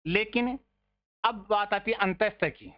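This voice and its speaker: A man's voice: high-pitched, unhurried, muffled recording. A man teaching an online grammar lesson, patiently repeating words to drill their pronunciation and calling his listeners friends.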